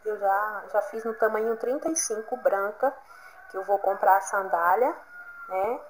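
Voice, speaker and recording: A woman's voice: mid-range voice, unhurried, poor audio. A Brazilian woman talks through a casual craft tutorial from home, upbeat and encouraging. Her voice sits in a middle range, and faint background noise runs under the recording. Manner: chatty, encouraging, keeps saying "gente" and "olha". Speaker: crafts vlogger.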